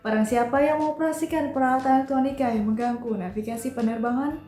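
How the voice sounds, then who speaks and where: A formal, courteous flight attendant with a high voice delivers scripted cabin announcements, acted out by a woman. The sound is roomy and echoing, with music playing clearly behind. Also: quick pace, dark tone, lightly acted.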